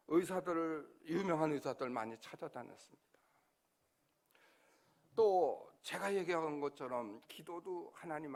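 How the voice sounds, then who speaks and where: Gravelly older man preaching a sermon. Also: a little high. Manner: emotional, acts out prayers and dialogue with God. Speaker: pastor. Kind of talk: sermon testimony. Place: church sanctuary.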